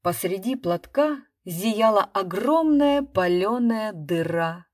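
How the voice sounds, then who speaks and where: A woman reading a story aloud in slow, measured narration. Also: medium pitch, lively intonation, no room sound, clean studio sound. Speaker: reader.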